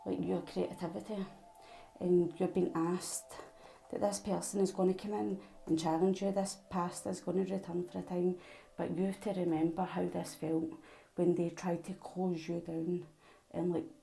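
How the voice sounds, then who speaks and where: A woman's voice: on the low side, gravelly, warm tone, slight background noise, rough recording. A Scottish woman with a Glasgow accent, giving a casual, rambling tarot reading straight to the viewer. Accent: Glaswegian Scottish. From Glasgow, Scotland. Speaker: tarot reader.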